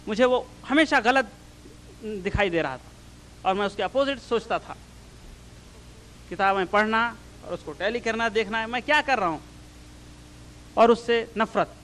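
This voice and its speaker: A man with a notably high-pitched voice lectures before an audience, explaining things earnestly. His delivery swells with emphatic rises as he answers questions from the floor. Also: sharp tone, a little hiss or hum, rough recording. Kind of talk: public religious talk.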